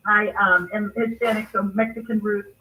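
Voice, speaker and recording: A woman's voice: mid-range voice, flat delivery, normal speed, bright, forceful tone, far from the mic, slight background noise, poor audio. A middle-aged woman from Texas, calling in to a radio show and telling her story candidly and steadily. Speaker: call-in guest. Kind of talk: casual radio interview. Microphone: phone call-in.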